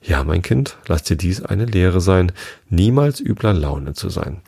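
A man's voice: low-pitched, animated, measured pace, creaky, darkish tone, husky, heavily acted. A man reading the lines of a moralizing old mother toad from a storybook. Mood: preachy.

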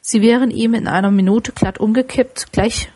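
A woman reading a classic story as an audiobook narrator, in a steady, expressive storytelling manner. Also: fairly high pitch, moderate pace, breathy edge.

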